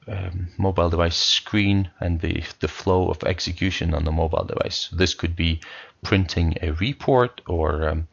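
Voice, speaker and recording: A man walking through business software in a screencast tutorial, explaining in a relaxed way with many fillers. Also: deep voice, vocal fry, husky, muffled recording.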